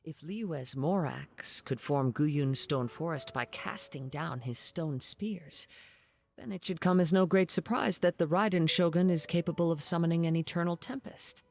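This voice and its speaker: A man voices a serene, courteous young wandering samurai in an anime-style game, speaking calmly in formal, measured phrases. His voice is fairly high-pitched and carries vocal fry.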